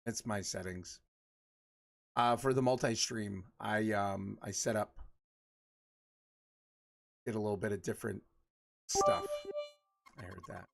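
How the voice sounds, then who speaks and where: A man's voice: lowish voice, steady tone, unhurried, creaky, pauses often. A man in his forties chatting casually with his livestream viewers, rambling and laughing often. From Michigan. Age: 40s. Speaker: livestream host.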